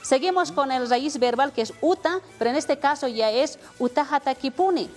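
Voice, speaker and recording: A woman's voice: high voice, lively intonation, normal speed, darkish tone, faint music behind. A woman from Bolivia teaching an Aymara language lesson on television. She explains patiently and often ends phrases with a questioning tag. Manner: explanatory, many "¿no?" tags, mixes Spanish and Aymara.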